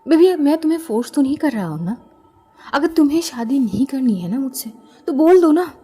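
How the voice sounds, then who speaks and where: A woman's voice: fairly high pitch, animated, moderate pace, dark tone. A woman voicing a short-tempered young man who is a pushy fiancé, talking in an irritated, insistent way while telling a story. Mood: annoyed. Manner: irritated, insistent, raises his voice. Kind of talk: storytelling with character voices.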